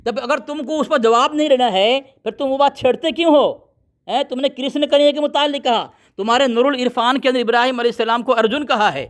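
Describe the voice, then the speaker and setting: A very high-pitched man argues in a heated religious debate. He is combative and commanding, orders his opponent to be silent again and again, then reads citations point by point. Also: fast talker, fairly bright tone.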